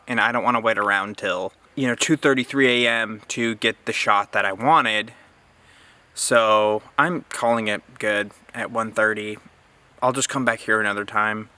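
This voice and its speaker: A man's voice: on the low side, sharp tone. A young man talking through a casual outdoor vlog, chatty and easygoing, with plenty of fillers. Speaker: vlogger. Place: outdoors at a campground and lighthouse.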